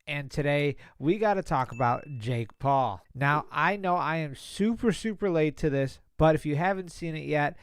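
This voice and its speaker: A young man talks through a boxing reaction video in a loose, chatty way, stumbling over restarts and laughing along. His voice sits a touch high and comes through smooth and clean. The sound is dry and close, with no room around it. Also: animated, moderate pace, few pauses, no echo. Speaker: boxing commentator reacting to a clip. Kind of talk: casual reaction commentary.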